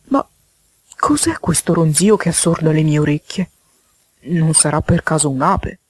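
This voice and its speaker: A woman voicing a greedy, slovenly male toad in a storybook reading, with slow, wheedling speech. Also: low-pitched, dry recording.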